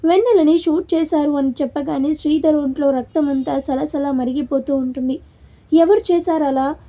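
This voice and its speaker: A woman narrating a serialized romance story in a steady, plain voice. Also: high-pitched, a little fast.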